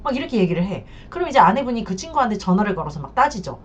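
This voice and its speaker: A woman counselor speaks frankly and bluntly about unfaithful husbands. Her pitch moves a great deal as she acts out quoted lines. The recording sounds dull and lo-fi. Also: rapid-fire, slightly rough. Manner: blunt, acts out quoted men in lively bursts. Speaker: divorce and infidelity counselor. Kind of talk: advice talk to camera.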